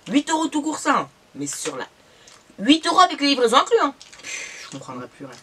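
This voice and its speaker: A young woman on a casual food-tasting vlog, speaking around a mouthful of food in a bright, forceful tone. She stays excitable and full of slang as she addresses her viewers. A faint hiss of noise runs underneath her voice. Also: high voice, fairly quick. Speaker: food vlogger.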